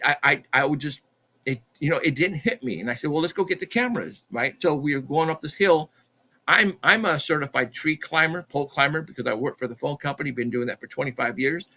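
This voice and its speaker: A middle-aged man, a podcast guest, telling a story in an animated, excitable way, stumbling and repeating himself as he acts out what people said. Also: medium pitch, a little fast. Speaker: podcast guest, Bigfoot researcher.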